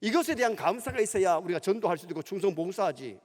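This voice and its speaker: A middle-aged pastor with a Gyeongsang Korean accent, preaching a sermon in an animated storytelling manner in a church sanctuary. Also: male voice, sits high, fast talker. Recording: long church hall reverb.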